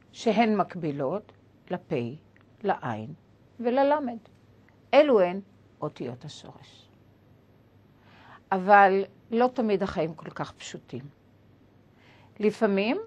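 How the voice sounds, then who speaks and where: A woman teaches a lesson with a slightly husky voice. Her pitch rises and falls a lot as she explains. She goes step by step and spells out letters one at a time. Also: a little mellow.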